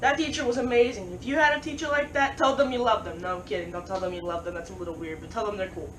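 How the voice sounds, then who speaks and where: Fast, stammering woman vlogger, roomy sound. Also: medium pitch, steady tone, distant mic. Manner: talks fast and stutters, with restarts; jokey, often laughing at her own lines. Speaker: vlogger giving advice. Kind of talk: casual advice vlog. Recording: roomy, off-mic, faint background noise.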